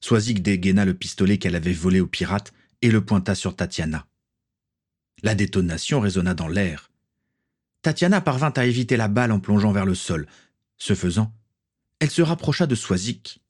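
A man narrating a fantasy story aloud in a steady, measured way. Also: lowish voice, breathy edge. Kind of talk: audiobook narration.

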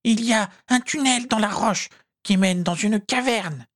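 A squeaky, whimpering house-elf. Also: male voice, measured pace, fairly bright tone. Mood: pleading. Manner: squeaky, whimpering, speaks of himself in third person. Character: pleading, servile male house-elf, small and frail.

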